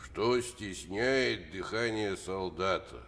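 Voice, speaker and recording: A pompous middle-aged army officer delivers film-comedy wisdom slowly and didactically. The sound is reverberant, with faint noise behind. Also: male voice, low-pitched, expressive, a bit bright, full character voice. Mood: sententious. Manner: didactic, sententious.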